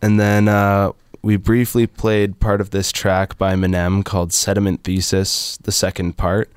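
A male radio host chats casually about music in a deep, smooth voice. His pitch stays flat. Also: measured pace, dry recording, studio quality. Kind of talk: casual on-air music chat.

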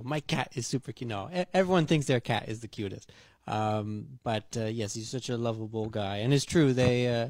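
A young man chatting casually, relaxed and self-deprecating, with many fillers. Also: mid-range voice, creaky, dry recording. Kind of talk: casual chat.

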